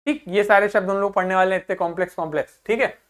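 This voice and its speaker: A man's voice: sits high, a bit bright. Man drilling pronunciation, word by word. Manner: repeats each word several times, slowly, for learners to copy; mixes English words into Hindi instruction. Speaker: teacher. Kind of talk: vocabulary lesson with pronunciation drills.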